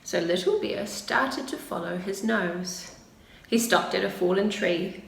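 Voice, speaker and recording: A middle-aged woman with a medium-pitched, unhurried, creaky voice reads a picture book expressively to preschool children at story time. She's recorded in a small plain room by a camera a short distance away, with a roomy sound and faint background noise.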